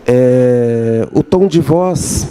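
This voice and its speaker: A man's voice: medium pitch, expressive, warm tone, clear, resonant tone. A middle-aged man preaching a sermon as pastor, repeating key phrases and acting out little dialogues. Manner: slow, repeats key phrases, acts out dialogue with his wife.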